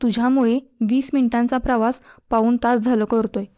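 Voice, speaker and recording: A woman's voice: a little high, steady tone, normal speed, warm tone, no echo, clean studio sound, natural voice. A woman voicing an irritated young college guy. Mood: annoyed. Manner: irritated, complaining. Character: grumpy young male college student.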